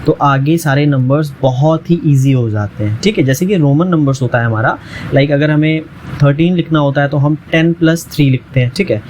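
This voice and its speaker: A man teaching a language lesson, a little higher-pitched than most men. He repeats each word slowly and patiently and keeps checking that the listener is following. There is faint noise in the background. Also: a little mellow, rough recording. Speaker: French teacher. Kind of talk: language lesson explained in Hindi.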